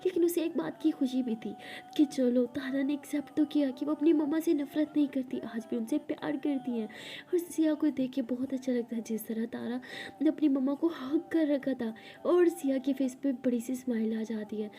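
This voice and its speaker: A woman narrating a love story for her viewers, often in a soft, near-whispered tone. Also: sits high, moderate pace.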